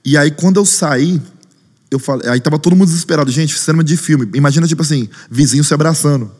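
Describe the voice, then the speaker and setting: A man's voice: a little high, fast, slightly rough, in a large hall. A man, a pastor and worship leader, telling a story in a podcast interview and acting out other people's lines. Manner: lively, acts out other people's lines in raised voices.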